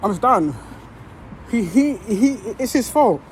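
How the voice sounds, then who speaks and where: A woman delivers an angry fan rant, cursing and repeating herself as she builds her case. Her pitch swings widely from low grumbles to sharp peaks, over a faint hum of background noise. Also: lively intonation, slow pace. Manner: heated, swearing, repeats herself. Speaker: football fan.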